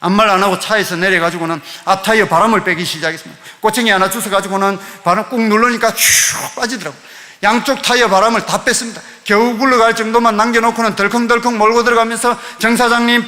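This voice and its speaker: A man's voice: high-pitched, in a large hall. A man with a Gyeongsang accent, a church deacon animatedly telling his testimony and acting out the dialogue. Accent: Gyeongsang Korean. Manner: excitable, acts out quoted dialogue.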